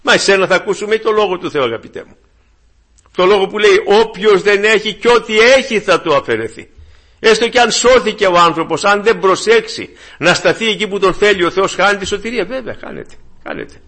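A man delivers an evangelical sermon with fervent conviction, rising to loud emphatic peaks and dropping to hushed asides. His voice is slightly husky and sits a little higher than most men's. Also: expressive. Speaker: preacher.

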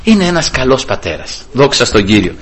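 A man preaching a sermon, telling a story in an animated way and often calling out to his listeners as brothers. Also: medium pitch, husky.

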